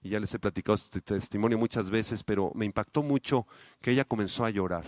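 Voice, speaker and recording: Emphatic Mexican pastor preaching. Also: male voice, fast talker, dry recording. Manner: emphatic preaching that swings between loud peaks and quiet, low asides; addresses the congregation directly with frequent rhetorical questions. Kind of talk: sermon.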